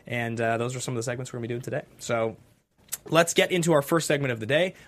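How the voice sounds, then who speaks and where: A man's voice: mid-range voice, fast, fairly bright tone. A man hosting a casual film discussion, chatting in an informal, enthusiastic manner. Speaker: host of a film discussion show. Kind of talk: casual chat.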